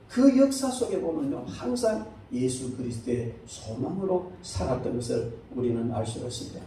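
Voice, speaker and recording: Male pastor, high and mellow voice, emphatic preaching with loud peaks and soft asides, heard from off-mic in a reverberant sanctuary. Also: creaky, recorded from a distance. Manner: emphatic preaching, swinging between loud high exclamations and low quiet asides. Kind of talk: sermon. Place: church sanctuary. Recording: echoey church hall, speaker away from the mic.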